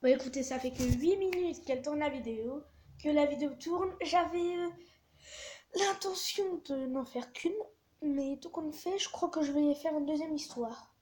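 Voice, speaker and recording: A woman's voice: high voice, moderate pace, darkish tone, slight background noise. A woman hosting a video, chatting casually and swearing as she browses stories, sometimes dropping to a whisper. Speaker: video host reading chat stories. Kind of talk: casual chat.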